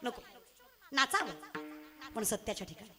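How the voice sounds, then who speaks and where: A woman preaching a devotional kirtan sermon, animated and storytelling, moving between loud exhortation and soft pleading. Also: on the high side, moderate pace, faint music behind.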